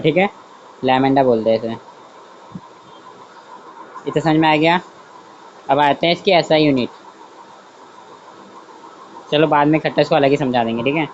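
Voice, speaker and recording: The recording of this mid-range male voice has its highs cut off and carries a little hiss or hum. He is a science teacher running an online lesson in a relaxed, talkative style, often saying "theek hai" and voicing his thoughts while drawing. He revises what he says and asks students if it's clear.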